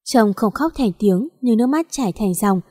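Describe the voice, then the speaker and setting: A woman's voice: fairly high pitch, lively intonation, normal speed, dark tone, dry recording, studio quality. A woman narrating a story aloud and voicing all the dialogue herself, getting sharper in the quarrels.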